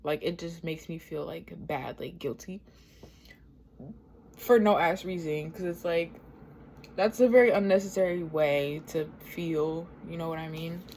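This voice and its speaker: Low-pitched American woman talking with mouth full. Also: unhurried, darkish tone, a little hiss or hum. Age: 20s. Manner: talking with mouth full while eating a sandwich; rambling, sweary, complaining. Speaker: vlogger. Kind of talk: casual storytelling while eating.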